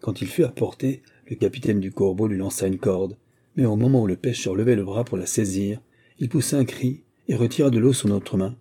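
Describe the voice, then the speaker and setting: Low dark husky guy reading an audiobook, steady pace. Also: brisk. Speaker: audiobook reader. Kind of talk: scripted narration.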